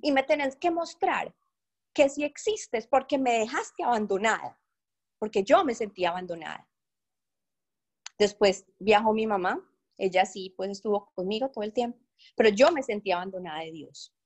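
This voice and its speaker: A woman's voice: mid-range voice, expressive, moderate pace. A woman, telling an audience an earnest, emotional personal faith testimony. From Colombia. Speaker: speaker giving a testimony.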